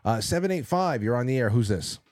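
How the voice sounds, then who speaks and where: A man with a smooth radio host delivery, chatting casually and taking listener calls on his show. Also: medium pitch, expressive, fairly quick, darkish tone, no echo. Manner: conversational, with frequent fillers.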